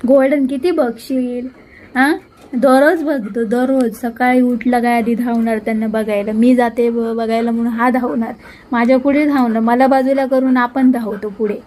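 A woman's voice: on the high side, fairly even intonation, moderate pace, a little mellow, rough recording. A woman with a Marathi accent narrating a casual home pet vlog on her phone, chatting to viewers and scolding and coaxing her dog. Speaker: pet vlogger.

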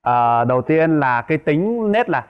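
A man, a guest on a talk show, speaking casually in short, halting phrases and repeating his words. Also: fairly high pitch, big pitch swings, clean tone, muffled recording. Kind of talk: casual chat.

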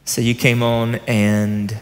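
A man's voice: medium pitch, little pitch movement, slow. A man in his thirties, a pastor, interviewing a colleague in a friendly, informal way on a church stage with a headset mic. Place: church stage set with armchairs. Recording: long reverb of a large hall.

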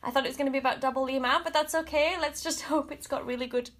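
Heavy background noise surrounds a high, fairly even voice that races along. A thirties Australian beauty vlogger with a stuffy, congested sound, she chats frankly through a makeup review at her bedroom vanity with mirror lights indoors, often using "like" and "kind of."

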